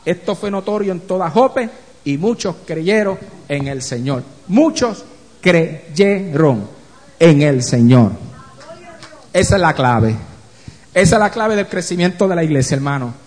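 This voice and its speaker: A man's voice: high voice, expressive, moderate pace, long reverb tail. A male pastor preaching a sermon, blunt in manner, asking rhetorical questions and mimicking complaints. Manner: blunt, self-described as rough in speech.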